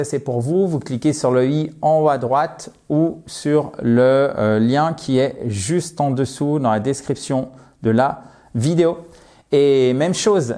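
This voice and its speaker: A man teaching English in a live online lesson, playful and lively, calling his viewers dear friends. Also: mid-range voice. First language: French. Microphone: personal microphone.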